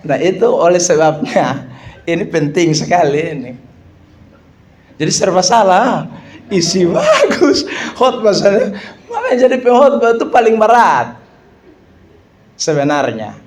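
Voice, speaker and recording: A man, a pastor teaching how to preach, animated and joking as he acts out examples. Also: high-pitched, a little slow, pauses often, a little hiss or hum. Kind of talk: lively teaching talk to an audience. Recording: echoey room, faint background ambience.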